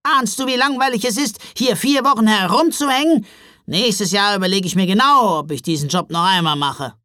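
A man voicing a tiny, cheeky Christmas elf who complains loudly and indignantly, in a storybook reading. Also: high-pitched, fairly quick, no echo, clean studio sound, voice pushed up. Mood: complaining. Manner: indignant, whiny, loud.

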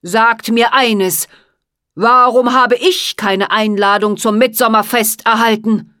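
Woman reader doing a raging storybook ice wizard: loud, cutting, high, dragged-out curses, dry recording. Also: steady tone, slow pace, no echo. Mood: menacing. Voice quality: cutting, shouting. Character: furious menacing male ice wizard.

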